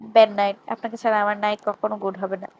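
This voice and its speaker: A woman's voice: medium pitch, flat delivery, fast talker, natural voice, rough recording. A woman doing a cocky young male DJ. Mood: teasing. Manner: brash in English bits, soft and teasing on the phone.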